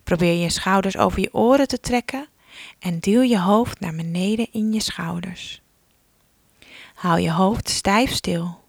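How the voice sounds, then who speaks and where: Slow, soothing woman guiding relaxation. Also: mid-range voice, dry recording. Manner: slow, soothing instructions, often dropping to a soft whisper. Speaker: relaxation guide for children. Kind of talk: guided relaxation exercise.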